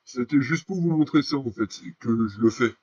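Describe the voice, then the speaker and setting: A man's voice: medium pitch, normal speed, darkish tone, husky, dry recording, muffled recording. Casual male gamer commentating his play. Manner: informal, slangy.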